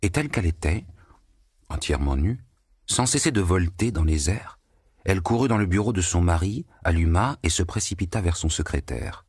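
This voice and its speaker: A man with a deep, husky voice narrates a novel in measured, evenly phrased sentences. The sound is dry and close, with no room around it. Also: lively intonation, darkish tone, no echo. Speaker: audiobook narrator. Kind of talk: literary audiobook narration.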